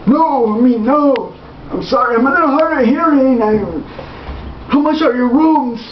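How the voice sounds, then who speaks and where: A young man faking the voice of a feeble, confused, hard-of-hearing old man with halting, groaning speech on a prank phone call. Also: very high voice. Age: young adult. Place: small tiled bathroom. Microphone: camera a few feet away. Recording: muffled, roomy, faintly noisy camera recording.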